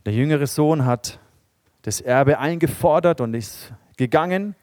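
A pastor preaches a sermon as lively storytelling, acting out the characters he quotes and occasionally dropping to a quiet, low voice for emphasis. He speaks a little slowly, and the sound is dry and close with no room echo.

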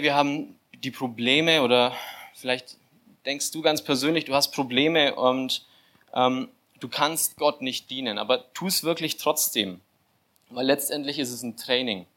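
A young man giving an informal sermon, telling a scripture story with filler words and lively, acted-out asides. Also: mid-range voice. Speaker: church volunteer giving a sermon. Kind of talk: casual sermon.

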